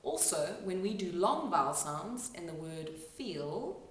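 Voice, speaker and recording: A woman with a low voice teaches an accent lesson, breaking each sound down patiently. She is recorded in a reverberant room with the mic set back from her. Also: lively intonation, a bit bright. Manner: explanatory, pauses to demonstrate sounds. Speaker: accent and dialect coach. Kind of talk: instructional talk to camera. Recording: echoey room, mic at a distance.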